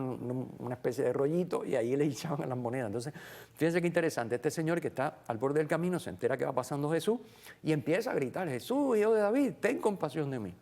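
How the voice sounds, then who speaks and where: A man reflecting on the Sunday gospel in a relaxed conversational way, with many fillers and acted-out quotes. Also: mid-range voice. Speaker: guest commentator on the Sunday gospel. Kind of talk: casual Bible reflection.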